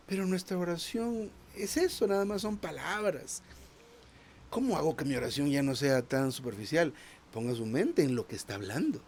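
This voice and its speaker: A man's voice: mid-range voice, darkish tone. A man preaching a sermon in a conversational tone, often asking the congregation "¿verdad?" and repeating small words as he searches for the next phrase.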